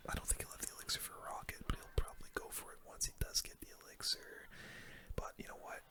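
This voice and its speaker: This gaming video host whispers ASMR game commentary close to the mic, casual and full of slang. The voice is breathy and unvoiced, and the delivery is fast.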